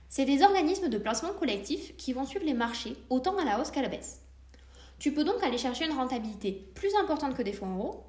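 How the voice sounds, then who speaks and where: A woman's voice: fairly high pitch, echoey room. A woman hosting a solo podcast, explaining investments step by step and speaking directly to the listener in a friendly way. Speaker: podcast host.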